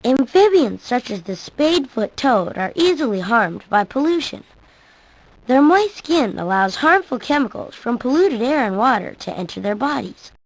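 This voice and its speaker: Woman reading educational nature script, super animated, very dry close sound. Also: on the high side, normal speed, dry recording, rough recording. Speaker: narrator of a children's educational nature program.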